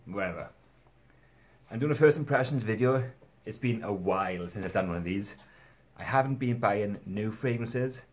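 Young guy, lowish voice, loose rambling vlog chat, mocks himself, swears casually. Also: moderate pace. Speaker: fragrance reviewer.

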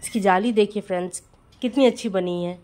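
A woman home baker talks through her cake decorating in a casual voice-over. She is chatty and friendly, and she keeps speaking straight to her viewers as friends. Her pitch sits in an ordinary middle range. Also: brisk, a little mellow.

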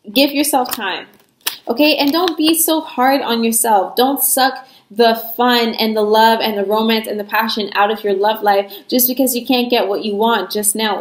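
A woman's voice: medium pitch, roomy sound, slight background noise, poor audio. A young woman giving a casual tarot reading, talking frankly and reassuringly with lots of fillers. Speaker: tarot reader.

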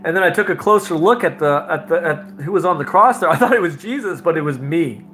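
A man preaching in a live-stream sermon, telling his testimony with frequent laughter and emotional, animated delivery. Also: a little high, brisk, faint music behind.

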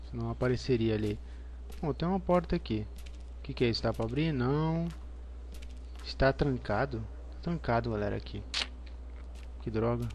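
A man's voice: medium pitch, darkish tone, a little hiss or hum. Brazilian man, scared horror game streamer. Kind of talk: live gameplay commentary. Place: indoor room at home. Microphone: headset.

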